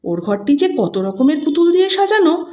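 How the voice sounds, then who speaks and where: A woman storyteller reading a classic story aloud in an expressive way. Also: high-pitched, moderate pace. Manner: expressive, animated. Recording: roomy echo.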